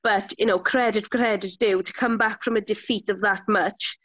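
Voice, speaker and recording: A woman's voice: medium pitch, steady tone, normal speed, a bit bright, no room sound. A woman co-hosting a podcast, reading out results in a sing-song rhythm in casual chat. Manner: lists scores in a sing-song caller rhythm. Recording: dry, slightly muffled podcast audio.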